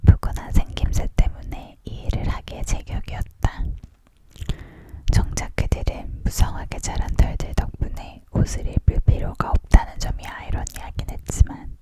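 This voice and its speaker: A person reads a story in a breathy, unvoiced whisper, as if leaning in close, in the style of an ASMR audiobook. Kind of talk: whispered ASMR book reading, scripted narration.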